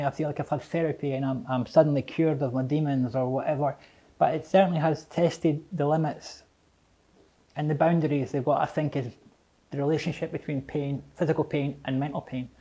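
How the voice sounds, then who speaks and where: Middle-aged man, Scottish accent, dark mellow voice, slightly slurred without teeth, deliberate and repetitive, reflective interview. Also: a little high, fairly even intonation. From Edinburgh, Scotland. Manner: halting, repeats phrases, deliberate. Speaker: interviewee, English teacher.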